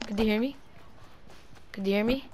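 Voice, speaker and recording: A woman in casual gaming chat with a friend, excitable, loud and quick to swear. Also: mid-range voice, noisy background.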